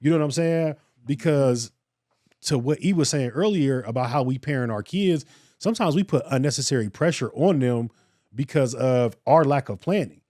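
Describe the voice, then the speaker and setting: Earnest, animated male podcast co-host. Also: medium pitch, normal speed, no room sound, clean studio sound. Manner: earnest, preacherly, animated storytelling. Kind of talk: casual podcast discussion.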